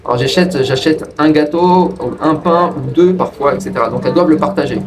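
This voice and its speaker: A man casually telling a personal story to his viewers in a rambling way, with frequent restarts. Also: brisk. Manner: rambling, restarts, lively pitch jumps. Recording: distant from the mic with faint ambient noise.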